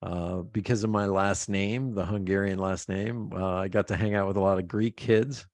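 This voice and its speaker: A man's voice: low-pitched, fairly even intonation, normal speed, a little mellow, dry recording. A middle-aged man from Pennsylvania, a podcast guest telling rambling stories about his life and laughing often. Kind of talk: casual interview chat.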